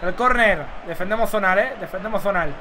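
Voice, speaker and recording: A young man from giving excitable live commentary while playing a football video game, chatting with viewers. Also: high voice, a little fast, noisy background. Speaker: gaming streamer.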